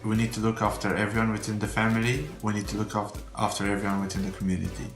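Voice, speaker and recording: Racing along in a lowish voice with little pitch movement, a Romanian man gives a sincere, unscripted testimonial as a church member, heartfelt and full of faith, in slightly particular phrasing. The recording carries a roomy echo and faint background music.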